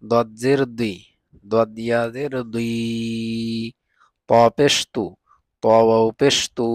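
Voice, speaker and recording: A man teaching Quran reading, drilling letter sounds slowly and patiently. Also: medium pitch, dry recording. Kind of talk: recitation lesson, spelling out letters.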